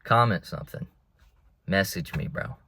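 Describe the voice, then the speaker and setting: A man's voice: low-pitched, animated, moderate pace, vocal fry, sharp tone, no echo. A young man vlogging from inside a car, rambling in a laid-back way and calling his listeners bro. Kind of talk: casual rambling monologue.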